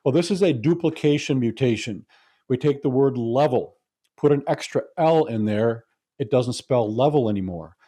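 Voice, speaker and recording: A man's voice: medium pitch, animated, normal speed, mellow, husky. A man giving a lecture to an audience, explaining his points in a conversational, humorous way. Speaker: speaker.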